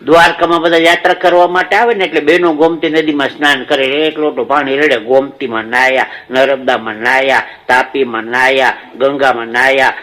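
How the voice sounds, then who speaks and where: A man's voice: medium pitch, fairly even intonation, fairly quick, few pauses, bright, forceful tone, rough recording. A man with a Saurashtra Gujarati accent doing a stage comedy monologue, telling jokes and a story in a folksy way and repeating words for effect. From Gujarat, India. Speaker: stand-up comic storyteller.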